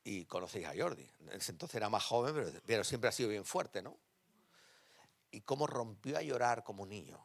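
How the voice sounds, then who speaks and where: Preaching man shifting loud and hushed. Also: on the low side, brisk, vocal fry, dry recording. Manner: animated, shifting between loud emphasis and quiet intimate tones. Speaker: pastor. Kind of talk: sermon with personal stories. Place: church.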